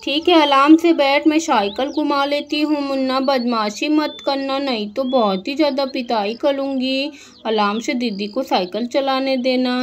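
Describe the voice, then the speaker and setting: A woman's voice: high-pitched, a little slow. A woman voicing an eager little girl who chatters to herself in a doll story. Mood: bossy fretful. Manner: chatty, excited, talking to herself.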